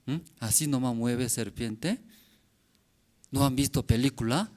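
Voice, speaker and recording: A man's voice: mid-range voice, a little slow, darkish tone. A man who is a pastor, preaching a sermon in short, broken phrases, repeating questions back to the congregation. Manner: simple, broken phrasing peppered with rhetorical questions and "mm?".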